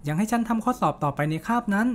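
A man's voice: high-pitched, lively intonation, very fast, pitched above the performer's own voice. A man reading a reflective teenage girl's memories. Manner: storytelling, reflective. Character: thoughtful teenage girl recalling a friend.

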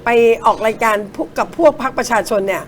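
A middle-aged woman co-hosting a casual political talk show, loud, blunt and emphatic. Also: fairly high pitch, expressive, quick pace.

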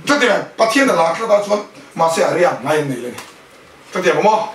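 一位在家庭团契上讲道的男人，不断向听众发问，并夹杂英语词汇。. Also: male voice, high-pitched, animated, fairly quick, a little hiss or hum. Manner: keeps questioning the listeners; mixes in English words. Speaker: preacher. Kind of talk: sermon at a house fellowship. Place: indoors at a home fellowship. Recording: echoey room, voice from a distance.

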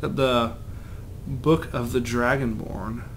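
A man's voice: mid-range voice, fairly even intonation, slow pace. A young man casually commenting as he plays a video game, chatty and rambling, with faint noise behind him. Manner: chatty, rambling, self-deprecating. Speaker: let's play gamer.

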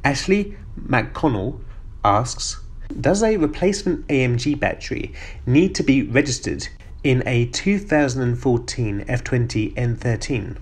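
A man's voice: mid-range voice, lively intonation, measured pace, breathy edge. A man hosting a car channel, reading out viewer questions and answering each one with plain, methodical explanations.

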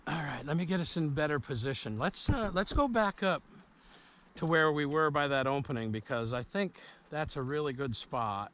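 Out fishing in a small river boat, a middle-aged man keeps up easygoing chat with a boy, offering coaching and encouragement for a casual vlog. His slightly high, somewhat bright voice is animated and moves at a moderate pace. The boat's mounted action camera catches faint outdoor sound as well.

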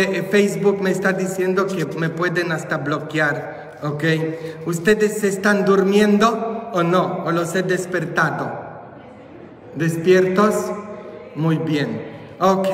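Priest guy, high voice, slow talker, teasing the crowd, echoey church far from the mic. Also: a bit bright. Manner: joking, teasing the congregation. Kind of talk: sermon at a church retreat.

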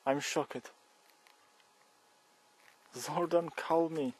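A young Polish cyclist vlogger jokes in broken English during a phone-call style vlog on a country path, filmed with an action camera on his helmet or bike. His voice is on the high side, steady and darkish, and he talks slowly and playfully, exclaiming often, with slight background noise.

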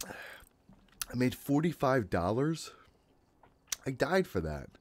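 A very animated but slow-speaking man with a mid-range voice provides casual live commentary on a horror game. He's a streamer in his thirties, indoors in a small room at home, full of jittery self-talk and frequent swearing.

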